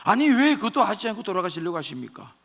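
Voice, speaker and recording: Man playing pleading servant, coaxing, high and gravelly, room echo. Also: very animated, fast talker, fairly bright tone, heavily acted. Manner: pleading, coaxing, rhetorical questions. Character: wise humble servants pleading with their master.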